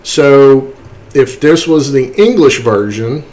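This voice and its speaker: Speaking slowly in a medium-pitched voice, a man walks viewers through software one step at a time. His tone is casual, and he frequently drops in brief tag words to check that they're following.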